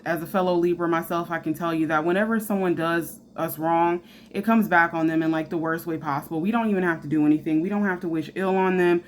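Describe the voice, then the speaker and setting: Woman, tarot reader, chatty and frank, lowish voice, faint room noise. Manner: chatty, frank, filler-heavy. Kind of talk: casual tarot reading.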